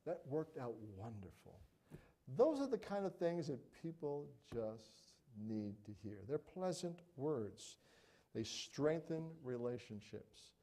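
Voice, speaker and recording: A middle-aged man preaching a sermon in a conversational, animated way, acting out little everyday examples. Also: fairly high pitch, slow. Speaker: pastor.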